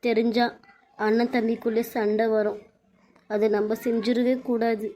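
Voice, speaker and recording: Woman as a dutiful young wife, soft pleading voice, Bangalore Tamil accent, cartoon serial. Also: on the high side, little pitch movement, a little slow, slight background noise, natural voice. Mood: hurt, hiding. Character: Anjali, young tearful wife, meek and dutiful.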